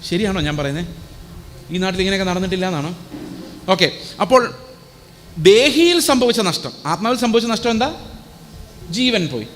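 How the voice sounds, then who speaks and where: A man's voice: high voice, expressive, fairly quick, pauses often, big-room sound, slight background noise. A male pastor preaching a sermon, asking his listeners one question after another. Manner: asks the congregation many rhetorical questions.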